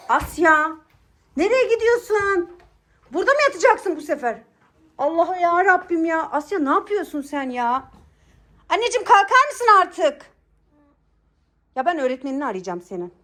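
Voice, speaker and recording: A woman with a very high voice plays an exasperated mother in a home bedroom. She scolds and coaxes by turns, sounding worn out. This is a scripted family skit. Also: fairly bright tone.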